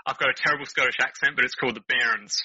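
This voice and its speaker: An Australian-accented man, a counsellor and motivational speaker, appears as a podcast guest and tells stories in a relaxed, informal chat. His medium-pitched voice is steady, sharp and slightly rough, and he talks very fast; the lo-fi recording has no room sound.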